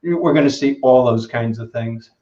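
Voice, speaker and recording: Halting man explaining, roomy dull sound. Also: medium pitch, mellow. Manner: halting, many "uh" and "you know" fillers. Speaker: guest expert in materials engineering. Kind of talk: conversational interview answers.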